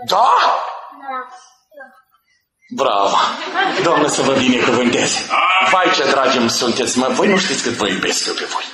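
A man preaching a sermon in an emphatic, jokey way, often rising to a shout. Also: mid-range voice, lively intonation, pauses often, echoey room, crowd noise. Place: church hall.

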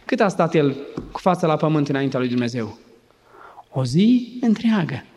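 A man's voice: a little high, sing-song, darkish tone, slight background noise. A male pastor preaching an emphatic, dramatic sermon in a church. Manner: emphatic, dramatizing with acted voices.

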